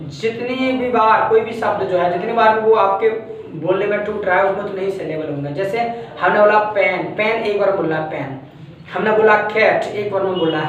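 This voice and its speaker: An Indian man with a high voice lectures a class, explaining step by step, repeating each point and checking that students are following. The lo-fi recording has slight hiss or hum and was captured from far away in a very echoey room.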